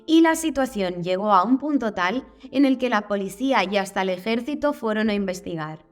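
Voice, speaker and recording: A woman's voice: medium pitch, animated, brisk, faint music behind. A woman with a Spain Spanish accent narrating a video in a casual, curious way, dropping wry asides. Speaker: channel host.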